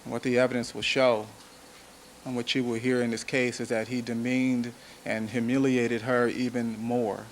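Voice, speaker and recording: Prosecutor, male, mid-range voice; slow, deliberate jury address with repeated phrases, in a hissy old courtroom recording. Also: medium pitch, little pitch movement. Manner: measured, deliberate, emphatic repetition. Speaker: trial prosecutor. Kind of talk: courtroom opening statement. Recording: noisy archival courtroom audio.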